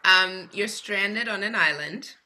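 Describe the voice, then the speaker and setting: A woman's voice: mid-range voice, takes it slowly, sharp tone, low-quality recording. A woman hosting a podcast interview in a friendly chat style. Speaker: podcast host.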